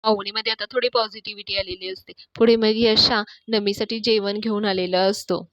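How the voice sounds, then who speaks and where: A woman's voice: medium pitch, fairly even intonation, moderate pace, fairly bright tone, dry recording. A woman casually retelling a TV serial episode as a reviewer, chatty and adding her own asides. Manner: chatty, adds asides to listeners. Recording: dry, slightly dull close mic.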